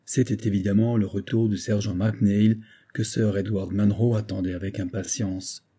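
Husky, dark-voiced male narrator. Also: on the low side. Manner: measured, steady storytelling. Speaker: audiobook narrator. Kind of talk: first-person novel narration.

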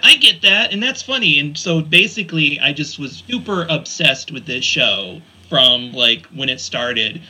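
A man's voice: fairly high pitch, sharp tone, husky, poor audio. A man in his forties, a panelist on a podcast, chatting casually and enthusiastically with many fillers. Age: 40s. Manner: rambling, enthusiastic, lots of fillers. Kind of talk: casual chat.

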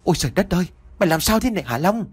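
A man's voice: sits high, big pitch swings, rapid-fire, breathy edge, pitched above the performer's own voice, exaggerated voice. A man voicing an elderly father, a proud rural scholar, scolding in a shaking, breathless voice in an audiobook story. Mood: shocked. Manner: trembling, scolding, breathless with rage.

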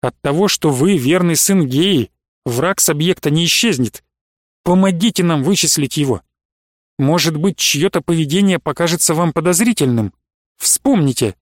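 A man voicing a calm, firm male army major who speaks in a measured, steady way. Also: on the high side, no echo, clean studio sound, lightly acted. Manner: measured, steady, stern when pressed.

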